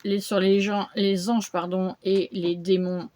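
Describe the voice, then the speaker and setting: A woman's voice: mid-range voice, little pitch movement, measured pace, mellow, slight background noise. Woman vlogger, mid-range voice, casual haul chatter on a camera mic. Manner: chatty, frequent fillers and little interjections. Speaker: vlogger showing a shopping haul. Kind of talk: casual haul video chat.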